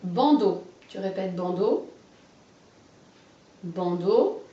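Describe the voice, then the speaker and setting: A woman guiding a child through a phonology lesson, giving clearly pronounced words one at a time and encouraging replies. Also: fairly low pitch, animated, dark tone, recorded from a distance. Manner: slow, carefully articulated, encouraging. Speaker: teacher of a phonology exercise. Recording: dull, roomy, off-mic sound.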